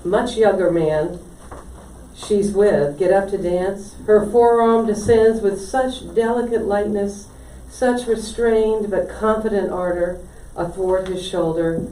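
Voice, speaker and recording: At a live poetry reading held indoors in a library, a woman reads a poem aloud slowly in a mellow, medium-pitched voice with fairly even intonation. The room is echoey, the mic distant, and faint noise is audible.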